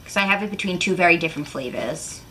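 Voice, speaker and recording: A woman's voice: lowish voice, lively intonation, fast, fairly bright tone. A young woman chatting casually through a taste-test game while eating jelly beans. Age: young adult. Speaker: jelly bean challenge player. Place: living room couch, indoors. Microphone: camera a short way off. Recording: clear background noise, home room.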